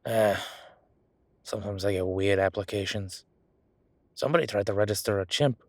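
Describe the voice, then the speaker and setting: A man with a fairly low voice speaks at a moderate pace, acting as a government records hall clerk in a solo audio roleplay. The clerk is defensive, chatty and lazy, and he talks in a rambling, colloquial way.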